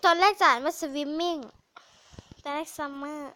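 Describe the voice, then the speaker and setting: Bright high-voiced young girl chatting about a game. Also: steady tone, slow pace. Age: school age. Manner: chatty, playful, now and then swears. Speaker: vlogger. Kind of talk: casual game commentary.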